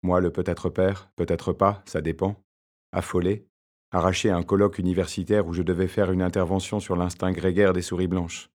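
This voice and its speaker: This is a wry, ironic academic husband in an audiobook, read by a man. His voice is very deep and stays flat and even. He narrates in a measured, dry way. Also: natural voice.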